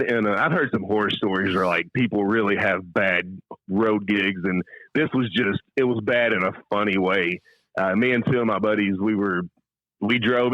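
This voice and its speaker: Man, American, middle-aged, slightly low voice, casual comic storytelling, dry close room, dull lo-fi audio. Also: dry recording. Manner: animated storyteller, acts out quoted lines. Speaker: stand-up comedian, interview guest. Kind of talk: casual anecdote-telling in an interview.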